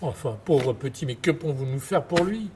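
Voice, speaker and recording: A husky, effusive late-night radio host. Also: male voice, mid-range voice, animated, normal speed, a little mellow. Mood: anxious, pitying. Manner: effusive, lyrical, repeating words when flustered. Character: tender, grandiloquent late-night radio host, easily flustered. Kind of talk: theatrical stage monologue as radio sign-off.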